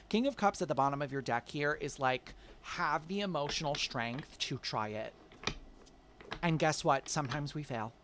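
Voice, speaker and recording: A man doing a casual tarot reading, coaxing and chatty, calling listeners babe, swinging between loud and soft. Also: medium pitch, slight background noise. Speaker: tarot reader.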